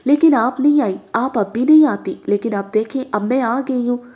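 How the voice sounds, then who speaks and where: A bitter, vengeful young woman with a fairly high yet mellow voice, shouting her pain in a spoken storybook reading, voiced by a woman narrator. She sounds obsessed and merciless. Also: normal speed, lo-fi sound, lightly acted.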